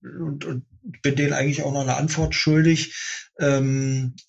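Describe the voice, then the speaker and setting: A man's voice: medium pitch, little pitch movement, normal speed, vocal fry, dull audio. A man speaking as an interview guest, composer, in casual talk, thoughtful, with many fillers and restarts.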